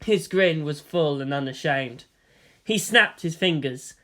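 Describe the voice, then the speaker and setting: An audiobook-style narrator reads scripted fan fiction theatrically, at a measured pace and with great expression. The pitch moves in a lively, animated way that gives the prose a dramatic shape.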